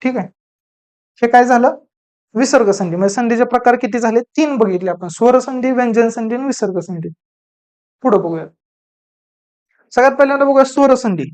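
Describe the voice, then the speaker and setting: Woman grammar teacher with a slightly high voice, drilling terms through self-answered questions. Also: brisk, long pauses, darkish tone. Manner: asks the class questions and answers them herself, repeating key terms. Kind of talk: exam-prep grammar lecture.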